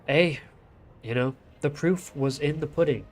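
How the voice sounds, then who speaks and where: A man's voice: a little high, unhurried. Nasal, stuffed-up man casting a game. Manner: loose and chatty, swears casually, lots of fillers. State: blocked sinuses. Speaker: game caster and streamer. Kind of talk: casual play-by-play game commentary. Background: music playing.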